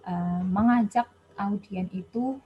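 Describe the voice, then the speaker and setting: A woman gives a relaxed spoken lecture, chatting along with plenty of fillers. Her voice sits at a middling pitch for a woman. The recording is dull and muffled, like a basic lo-fi voice memo. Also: slow pace, slight background noise. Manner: chatty, with many Javanese-flavored casual fillers. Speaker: health education lecturer.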